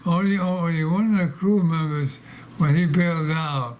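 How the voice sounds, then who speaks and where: A Polish-born man in his nineties, a veteran, answers oral history interview questions in a library interview room, often repeating words and starting over. His voice is a little high, fairly even, moderately paced and somewhat mellow, on poor audio with slight background noise.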